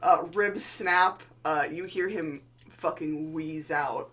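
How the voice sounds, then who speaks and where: A woman's voice: sits low, takes it slowly, fairly bright tone. A woman improvising tabletop game narration as game master, in a vivid, casual, sweary manner.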